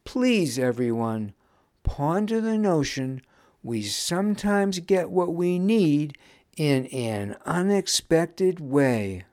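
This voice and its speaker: A kindly male guardian from a storybook, as a man puts him on, who soothes and encourages the children around him. His voice is raised and mild, and it moves slowly and patiently. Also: a little high, very animated, voice pushed up. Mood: gentle. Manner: gentle and reassuring.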